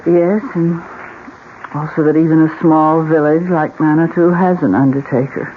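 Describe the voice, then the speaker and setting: An actress playing a worried, downcast innkeeper's wife in an old radio drama, with a subdued, resigned manner. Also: female voice, deep voice, steady tone, normal speed, phone-quality sound, lightly acted. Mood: rueful. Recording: thin, hissy old radio recording.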